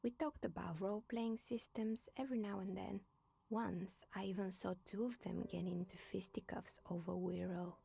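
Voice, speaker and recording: A woman's voice: medium pitch, normal speed, creaky, darkish tone, close to an everyday voice. A woman voicing a wry older woman in a video game who tells stories in a dry, sardonic, half-whispered way. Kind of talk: voiced game dialogue.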